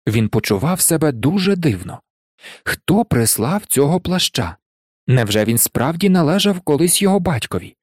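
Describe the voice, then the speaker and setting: A man narrating an audiobook in an expressive storytelling manner. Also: a little high, normal speed, dry recording, studio quality. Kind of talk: audiobook reading.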